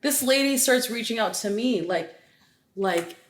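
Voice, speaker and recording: A woman's voice: fairly high pitch, a little slow. Chatty woman podcaster in a roomy space. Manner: chatty, animated storytelling with many "like" fillers. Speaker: podcast co-host. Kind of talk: casual chat. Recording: roomy echo.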